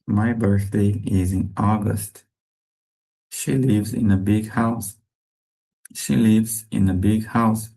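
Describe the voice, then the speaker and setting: A man teaching English to beginners. He reads each short sentence twice, slowly and clearly. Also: lowish voice, fairly even intonation, warm tone, poor audio. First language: Portuguese. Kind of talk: slow repetition drill for beginners.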